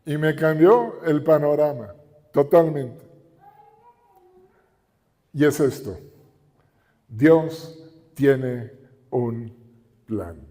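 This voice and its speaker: A man's voice: a little high, drawn-out words, long pauses, mellow. A middle-aged man with a Mexican Spanish accent, preaching a sermon with emphatic repetition and rhetorical questions. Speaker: pastor. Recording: reverberant hall.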